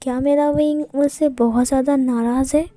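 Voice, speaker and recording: A soft-spoken young man from a storybook coaxes and teases with quiet warmth, as a woman acts him out. The voice sits high and mellow. The recording is dry and close. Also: steady tone, moderate pace, no room sound, natural voice. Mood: teasing. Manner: teasing, coaxing, soft. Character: teasing calm young man, gentle lover.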